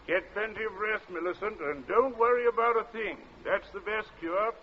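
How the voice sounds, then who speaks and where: An actor playing a genial, smoothly dissembling middle-aged gentleman in an old radio drama, hemming affably. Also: high-pitched, moderate pace, natural voice. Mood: genial, soothing. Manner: affable, hemming, affectedly casual. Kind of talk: golden age radio drama acting. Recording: dull, hissy old radio recording.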